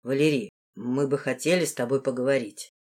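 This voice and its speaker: A woman reading an audiobook, voicing a calm, condescending male lord who speaks slowly and quietly. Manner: calm, low, unhurried, condescending.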